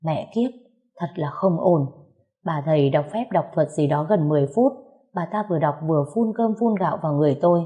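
A woman narrating a first-person story in a lively, indignant way. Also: sits low, fast, phone-quality sound.

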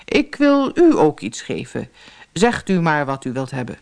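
A woman voicing an aging king in a storybook, speaking in a lowered voice that stammers and hesitates. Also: huge pitch swings, unhurried, vocal fry, a little mellow, exaggerated voice. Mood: courteous. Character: older king of Persia, proud but hesitant.

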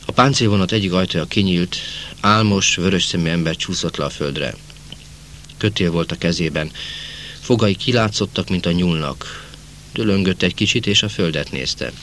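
A man narrating a novel as an audiobook, in a measured first-person storytelling manner. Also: sits low, fairly bright tone, a little hiss or hum. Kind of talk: novel reading.

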